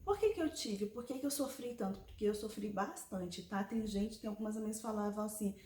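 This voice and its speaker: A woman's voice: medium pitch, fairly quick, darkish tone, a little hiss or hum. Woman in her forties, chatty health vlog. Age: 40s. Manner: conversational, explanatory, with frequent tag questions. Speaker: vlogger. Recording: echoey room.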